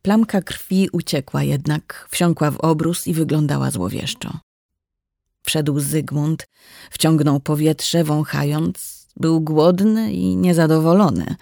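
Measured storyteller, fry in the voice, reading a novel. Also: mid-range voice, steady tone, a little mellow, no echo, studio quality. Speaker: narrator. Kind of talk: scripted audiobook narration.

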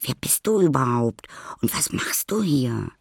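A man's voice: mid-range voice, big pitch swings, a little slow, gravelly, husky, no room sound, studio quality, voice pushed up, heavily acted. Man doing a feisty young girl. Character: spirited young girl, bold and quick.

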